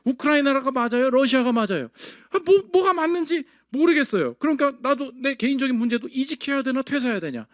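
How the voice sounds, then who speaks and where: A man's voice: very high-pitched, expressive, fairly quick, hardly any pauses, dry recording, clean studio sound. A male pastor preaching an emphatic sermon, acting out God's words and his listeners' complaints.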